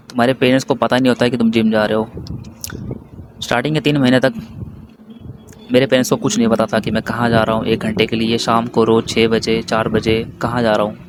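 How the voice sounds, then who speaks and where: A young man from India giving casual, brotherly advice straight to the viewer, repeating his points as he goes. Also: mid-range voice. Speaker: vlogger. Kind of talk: casual advice talk to camera. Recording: noisy background hiss.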